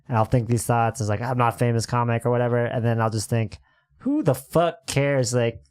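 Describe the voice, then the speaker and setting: A man's voice: medium pitch, fairly quick, a little mellow, smooth. A man who is a comedian and musician, a guest in a casual podcast chat, talking loosely and thinking aloud.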